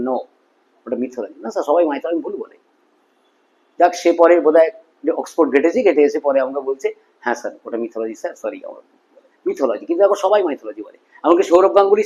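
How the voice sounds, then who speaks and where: Teacher: middle-aged man, Bengali accent, higher voice, drills words one by one. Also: darkish tone, low-quality recording. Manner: repeats words slowly, drilling pronunciation. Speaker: English pronunciation teacher. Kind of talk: classroom-style spoken lesson.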